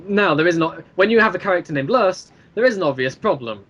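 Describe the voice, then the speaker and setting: Talking about the audio drama series he created, this interview guest rambles eagerly in a casual chat. He's high-pitched and a bit bright, speaking quickly with lively intonation, though the recording sounds muffled.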